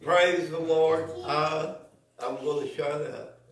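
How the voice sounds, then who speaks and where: A man closing a church service with slow, folksy, chuckling exhortation. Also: on the high side, fairly even intonation. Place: church sanctuary. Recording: echoey church from a distance.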